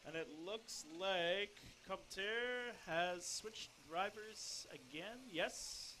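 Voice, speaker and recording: A man's voice: high voice, very slow, bright, forceful tone, a little hiss or hum, poor audio. A man doing casual, joking play-by-play commentary on a go-kart race. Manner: joking, upbeat banter. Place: outdoor go-kart race track.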